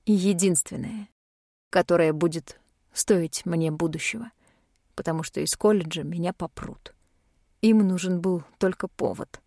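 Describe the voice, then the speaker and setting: Mellow young woman narrating an audiobook. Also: fairly low pitch, unhurried, no echo, clean studio sound. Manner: tearful, emotionally charged reading. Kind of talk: emotional first-person narration.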